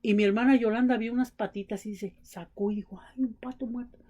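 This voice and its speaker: Woman preacher, high-pitched, sermon to the congregation, storytelling with acted-out dialogue. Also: fairly even intonation, brisk, a little mellow. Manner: addresses the congregation as brothers, acts out family dialogue.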